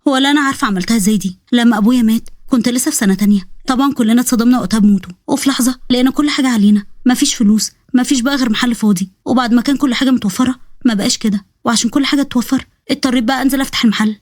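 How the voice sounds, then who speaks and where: A woman voicing a sharp-tongued young woman shopkeeper in an Egyptian story reading, with an Egyptian accent and snappy retorts. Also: fairly high pitch, rapid-fire, dry recording, studio quality, natural voice. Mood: reflective. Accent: Egyptian Arabic.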